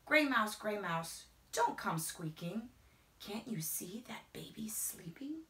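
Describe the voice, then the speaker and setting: Slow, lively woman reading to children. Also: mid-range voice. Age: middle-aged. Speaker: storyteller reading a picture book aloud. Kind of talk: expressive children's read-aloud with hushed whispers. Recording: roomy indoor echo.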